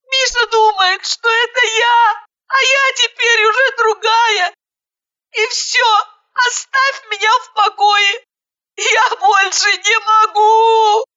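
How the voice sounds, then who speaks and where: A woman's voice: fairly even intonation, pushed and bright, muffled recording, exaggerated voice. A woman voicing a hysterical young bride who sobs and cries out in desperation, stretching her words as she wails. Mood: sobbing. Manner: shrill crying outbursts, drawn-out wailing words. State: crying.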